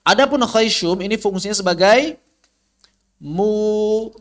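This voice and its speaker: Indonesian male tajwid teacher, slightly high voice, slow and patient, models letter sounds aloud. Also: animated, fairly bright tone. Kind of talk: online tajwid lesson.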